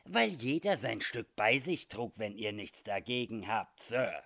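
A man reading aloud and voicing a rough, scornful outlaw leader who sneers and threatens. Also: on the low side, animated, a little slow, fairly bright tone, exaggerated voice. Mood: sneering. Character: sneering rough male cattle-thief leader.

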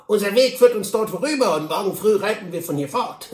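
A man's voice: high-pitched, expressive, fairly quick, reverberant, voice pushed up. A man voicing a wry, knowing old trapper who chuckles as he talks.

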